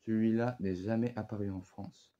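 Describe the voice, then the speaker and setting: A man's voice: fairly low pitch, steady tone, normal speed, lo-fi sound. Male vlogger, loose slangy rambling delivery, filler-heavy, casual unboxing video.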